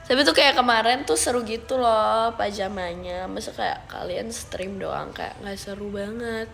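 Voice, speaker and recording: A young woman from Indonesia with a gravelly, dark-sounding voice, chatting playfully with viewers on a phone livestream. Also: mid-range voice, measured pace. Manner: chatty, playful, drags out words. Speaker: idol livestreamer. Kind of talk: casual livestream chat. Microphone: phone livestream mic.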